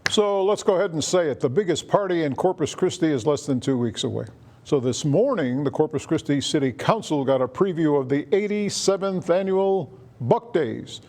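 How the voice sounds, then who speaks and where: A man's voice: a little high, lively intonation, normal speed, a little mellow. A man reading local news in an upbeat, conversational way. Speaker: news anchor.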